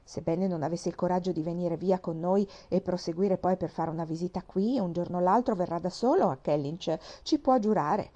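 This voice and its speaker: A woman reading the part of a good-humored young country gentleman, speaking with jovial emphasis in a mellow voice. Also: fairly low pitch, a little fast, hardly any pauses, muffled recording, natural voice.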